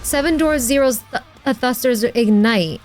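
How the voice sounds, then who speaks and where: A woman streaming a game playthrough in a cute, excitable anime-streamer manner, reading the story aloud and chatting with viewers. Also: on the high side, normal speed, soft background music. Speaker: VTuber streamer and voice actor.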